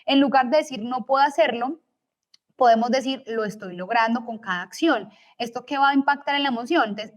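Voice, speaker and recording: A young woman lecturing as a teacher in a recorded course, explaining each point and checking in with tag questions. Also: a little high.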